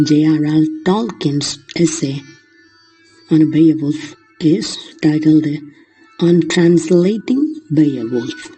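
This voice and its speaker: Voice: mid-range voice, slow, warm tone, slightly rough, faint music behind. A lecturer explaining literature in the manner of a lesson, glossing terms in simple words along the way.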